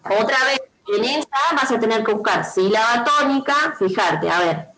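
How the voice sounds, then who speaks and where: Patient Rioplatense teacher on a video call. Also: female voice, on the high side, expressive, normal speed, sharp tone, poor audio. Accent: Rioplatense Spanish. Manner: patient, repeats instructions, checks with frequent "¿sí?". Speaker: primary school teacher. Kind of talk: online class instruction.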